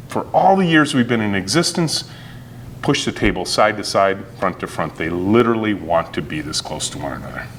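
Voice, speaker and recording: A middle-aged man giving a conference keynote talk, telling stories in an animated way and acting out quotes with sudden jumps in pitch. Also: slight background noise. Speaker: keynote speaker. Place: conference hall.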